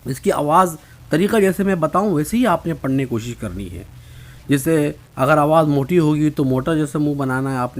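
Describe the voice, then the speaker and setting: A man teaching Arabic pronunciation, patiently saying each letter sound slowly and repeating it for students to copy. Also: medium pitch, slight background noise. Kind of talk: spoken lesson.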